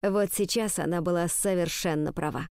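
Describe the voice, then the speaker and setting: A woman narrating a story in the first person with a lively storytelling manner. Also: on the low side, moderate pace, no room sound, studio quality. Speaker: audiobook narrator. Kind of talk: audiobook reading.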